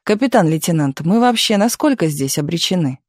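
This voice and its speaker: A fussy, excitable young reporter who objects to everything, his voice pushed a little higher than the narrator's own, as a man puts him on for an audiobook. The sound is dry and close. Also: no room sound. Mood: complaining. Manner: complaining, nervy, quick to object.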